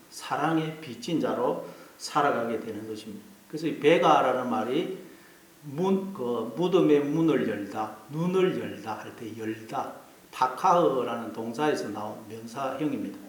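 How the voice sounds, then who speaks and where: A man's voice: medium pitch, echoey room, low-quality recording. A male pastor preaching an earnest sermon, repeating key phrases for emphasis. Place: church.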